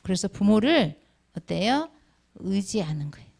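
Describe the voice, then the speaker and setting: A middle-aged woman leads a Sunday school lesson as a children's sermon, calling on kids by name and asking them many questions. Her mid-range voice is sing-song and a little mellow, with vocal fry and a measured pace.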